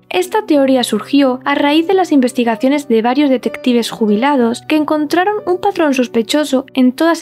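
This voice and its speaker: A woman's voice: sits high, a little mellow. A woman reading a scripted true-crime narration.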